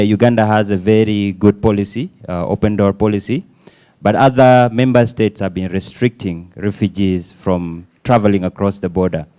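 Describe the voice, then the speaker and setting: Slow, deep-voiced man from South Sudan. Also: warm tone. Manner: slow and halting, with many fillers. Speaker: audience member asking a question. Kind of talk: question from the floor at a conference.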